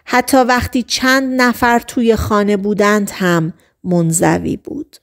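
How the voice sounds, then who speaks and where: A woman reading an audiobook novel aloud in a calm, measured storytelling manner. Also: mid-range voice. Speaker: audiobook narrator. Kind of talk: scripted audiobook narration.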